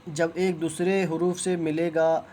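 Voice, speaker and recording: A man teaching Quran reading, who pronounces letters slowly and carefully and explains each sound in plain, patient speech. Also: fairly high pitch, level tone, darkish tone. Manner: drawn-out, careful letter recitation with pauses. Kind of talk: slow teaching of Arabic letter pronunciation.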